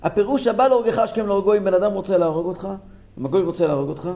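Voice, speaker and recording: A man giving a Torah lesson to a group, impassioned, swinging from loud exclamations down to low, intense talk. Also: reverberant. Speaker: Torah teacher.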